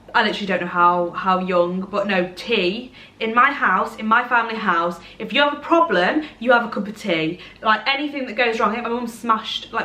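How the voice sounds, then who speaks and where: Speaking to the camera indoors in a bright room at home, a twenty-something vlogger from Derbyshire, England, chats and rambles with self-deprecating humour in an English Midlands accent. Her mid-range voice sounds pushed and bright, and the audio is reverberant.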